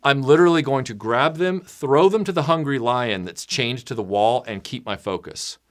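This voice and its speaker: A man speaking bluntly and casually to his supporters, now and then mimicking other people in loud, high voices. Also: moderate pace. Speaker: channel creator addressing patrons.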